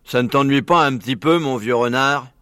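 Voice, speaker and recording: A gentle, honest badger, voiced by a man reading the story who speaks at a middle pitch in an earnest, unhurried tone. The recording is close and dry. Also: dry recording, natural voice. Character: Badger, kind, honest, thoughtful male badger. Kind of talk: audiobook reading.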